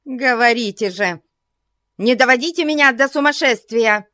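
A woman's voice: a little high, moderate pace, pushed and bright, no room sound, clean studio sound, voice pushed up. A woman voicing a hysterical, imperious rich old spinster who shrieks at her companions. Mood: furious.

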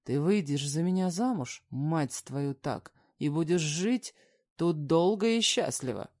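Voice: mid-range voice, lively intonation, a little slow, darkish tone. A reader voicing a brooding, domineering young man who speaks with barely held anger. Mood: furious.

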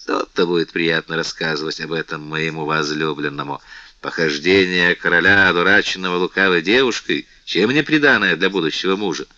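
A proud king speaks in cold, sarcastic tones, read by a man. His low voice has a bright, cutting edge. The take is dry and dull, like a lo-fi recording. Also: fairly quick, no room sound. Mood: cold mocking.

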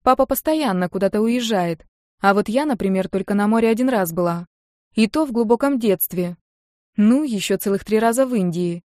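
A woman's voice: mid-range voice, brisk, a little mellow, dry recording, clean studio sound. A young woman narrating a first-person audiobook in a wry, matter-of-fact way. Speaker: audiobook reader.

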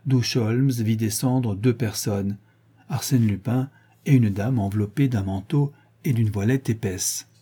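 Low, dark-voiced male narrator. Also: husky. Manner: measured storytelling, lifting his voice for dialogue. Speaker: audiobook narrator. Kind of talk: scripted narration of a classic novel.

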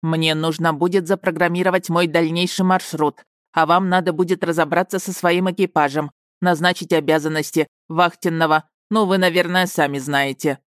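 A woman's voice: on the low side, fairly even intonation, normal speed, dry recording, clean studio sound, close to an everyday voice. A woman voicing a polite, proud male robot starship in an audiobook. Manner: matter-of-fact, courteous. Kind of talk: audiobook character reading.

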